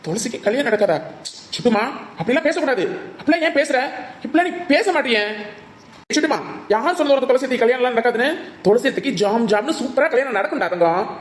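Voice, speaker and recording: A woman's voice: fairly high pitch, expressive, natural voice. A woman voicing a stern but caring village husband and father with a Tirunelveli Tamil accent, lecturing in a cartoon. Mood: tender. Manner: lecturing, rapid-fire. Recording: echoey with music.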